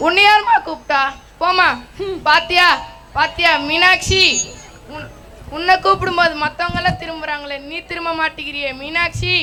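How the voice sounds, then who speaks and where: A woman's voice: very high voice, fairly even intonation, normal speed, sharp tone. A woman playing a poor, greedy male poet in a stage play, whiny and sarcastic as he pleads with the gods for gold. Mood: complaining.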